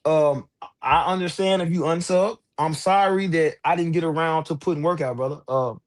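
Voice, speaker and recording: A man with a notably high voice talks straight to his viewers over livestream headset audio. His delivery is loose, slangy and fired up, with the unpolished feel of a home stream. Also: moderate pace. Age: adult with several children. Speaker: livestream host. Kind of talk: casual livestream talk.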